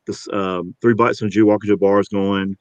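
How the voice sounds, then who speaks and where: A man's voice: fairly low pitch, level tone, a little fast, clean tone, dry recording. A middle-aged man, an actor, talking in an interview in a rambling, upbeat way with many restarts. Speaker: actor and guest. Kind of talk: interview conversation.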